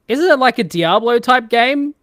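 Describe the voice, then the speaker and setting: A woman's voice: fairly high pitch, animated, normal speed, fairly bright tone, no echo, clean studio sound. A woman co-hosting a casual podcast chat, exasperated, swearing a lot and laughing easily. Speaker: podcast co-host.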